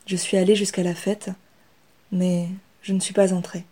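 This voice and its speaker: A woman voicing Inès, a young female rat who speaks calmly and with assurance. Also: fairly low pitch, normal speed, close to an everyday voice. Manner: calm, steady.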